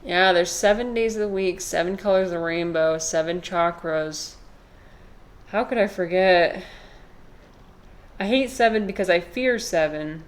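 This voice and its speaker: Low-voiced woman streamer in her twenties. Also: a little slow. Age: 20s. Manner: chatty and rambling, swears freely, answers chat comments. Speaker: live streamer playing a video game. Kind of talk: casual live-stream chat with viewers.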